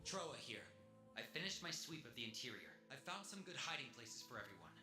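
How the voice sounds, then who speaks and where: An actor playing a young male agent who uses a voice changer app to pass as another man, giving a calm, clipped field report. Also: mid-range voice, brisk, roomy sound, music in the background. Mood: calm deceptive. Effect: voice changer app disguising the voice.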